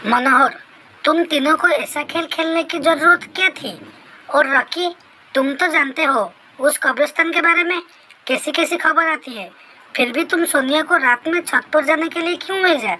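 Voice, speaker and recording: A woman's voice: high-pitched, normal speed, bright, forceful tone, slight background noise, rough recording. A woman voicing a stern, worried middle-aged father in a Hindi horror story, scolding and giving urgent orders. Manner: scolding, commanding.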